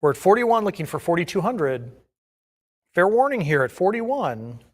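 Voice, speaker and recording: A man's voice: high voice, big pitch swings, normal speed. A man working as an auctioneer, calling bids in a repetitive chant of numbers and increments.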